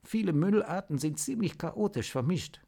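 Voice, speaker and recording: A man voicing a brisk young team leader woman. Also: high-pitched, lively intonation, vocal fry, mellow, breathy edge, pitched above the performer's own voice, full character voice. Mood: urgent. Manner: firm, commanding, quick orders.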